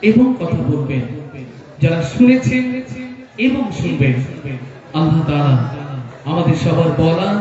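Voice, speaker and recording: A man leading a packed devotional gathering from the stage, rousing the audience with call-and-response and often shouting. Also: a little high. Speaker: stage speaker and singer leading a religious gathering. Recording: echoey, dull PA sound with crowd.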